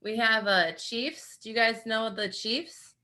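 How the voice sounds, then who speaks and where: A woman's voice: a little high, slow, bright, forceful tone. An American woman from Nebraska doing a bubbly, giggly stand-up set. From United States, Nebraska. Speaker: stand-up comedian.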